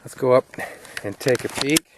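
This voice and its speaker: A medium-pitched man hosts his own video at an outdoor shooting spot, offering casual, enthusiastic commentary straight to the camera. He's chatty and pauses a lot, and the camera mic also picks up background noise.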